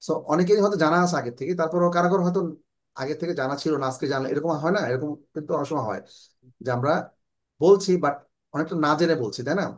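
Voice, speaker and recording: Bangladeshi male English teacher, slow modelling. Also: a little high. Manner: explains in Bengali, slowly models English phrases. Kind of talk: online English class.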